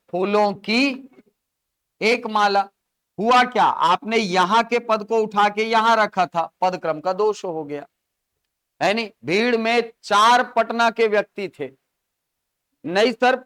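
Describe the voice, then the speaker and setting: Male coaching-class teacher, bright smooth tone, dry close sound, lectures with quick questions to the room. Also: high voice, no echo. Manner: explains with examples and frequent rhetorical check-ins to the class. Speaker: Hindi grammar teacher.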